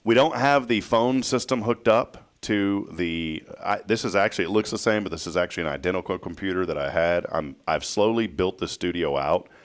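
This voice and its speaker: Deep-voiced man hosting a morning show. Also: a little fast, few pauses. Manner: jokey, reads news items and quizzes co-hosts. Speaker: host. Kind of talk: casual morning show chat. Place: small studio. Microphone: headset.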